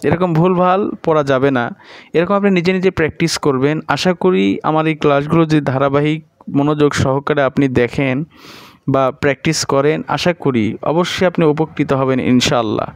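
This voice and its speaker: A man teaching a Quran reading lesson online, reciting letter sounds in a steady repetitive rhythm and patiently correcting mistakes. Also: on the high side, brisk, smooth, dry recording.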